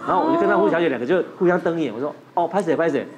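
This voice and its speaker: Male doctor, animated swooping delivery, fast, acts out the characters' voices, music under the studio sound. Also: fairly high pitch. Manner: acts out the voices of the patient and the nurse. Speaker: doctor guest. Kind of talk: telling a ghost story on a TV talk show.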